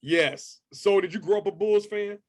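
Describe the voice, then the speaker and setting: A man's voice: high-pitched, normal speed, dry recording, studio quality. A man in his thirties hosting a casual interview over a video call, upbeat and chatty with a slangy manner. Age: 30s. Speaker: interview host.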